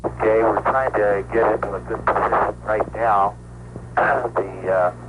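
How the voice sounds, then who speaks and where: A man's voice: on the low side, fairly even intonation, a little slow. A male astronaut giving clipped radio callouts over a breaking-up space radio transmission. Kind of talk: live mission radio talk. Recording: noisy archival space radio.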